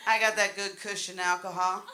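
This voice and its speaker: A woman's voice: medium pitch, flat delivery, fairly quick. A middle-aged woman doing a live stand-up set, telling stories in a brash, bawdy, self-deprecating way. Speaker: stand-up comedian. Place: comedy show in front of an audience. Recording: noisy live room with loud audience laughter. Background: loud crowd laughter and noise.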